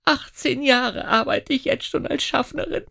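A man's voice: very high voice, a little slow, vocal fry, sharp tone, voice pushed up, heavily acted. A man voicing an indignant middle-aged woman train conductor who sobs and then snaps back. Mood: tearful. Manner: sobbing then snapping indignantly.

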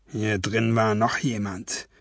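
A man voicing a calm, commanding male detective with a clipped, matter-of-fact delivery in a husky voice. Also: medium pitch, normal speed, no room sound, clean studio sound, full character voice. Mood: low, calm.

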